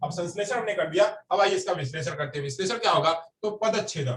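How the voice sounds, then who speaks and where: A man's voice: sits high, fast talker, a little hiss or hum. A man teaching a class, repeating each term and asking and answering his own questions. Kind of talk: classroom lecture. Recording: echoey room, mic at a distance.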